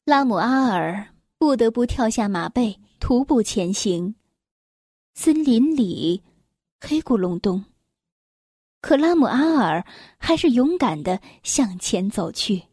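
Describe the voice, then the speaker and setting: A woman reading a children's story aloud as narrator, in a gentle, expressive manner. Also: fairly high pitch, slow pace, husky, no echo, clean studio sound.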